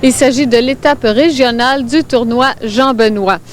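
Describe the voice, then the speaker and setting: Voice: medium pitch, normal speed, slight background noise. An announcer delivering an informational broadcast announcement about tournaments.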